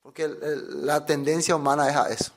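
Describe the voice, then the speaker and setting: A man's voice: a little high, little pitch movement, a little fast. A man preaching a sermon as a pastor, emphatic, asking his listeners rhetorical questions and acting out the voices he quotes.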